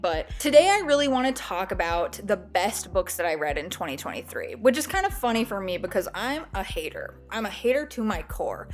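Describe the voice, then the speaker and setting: A book review vlogger talks casually in a chatty, self-deprecating way, her medium-pitched voice a little stuffy as she recovers from a cold.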